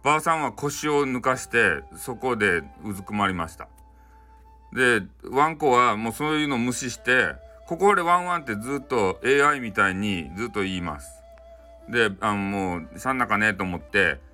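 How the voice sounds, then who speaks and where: A man's voice: fairly low pitch, animated, normal speed, pushed and bright, faint music behind. A man telling a folk tale in Hakata dialect as a bedtime story, in a loose, rambling way with many fillers and offhand asides.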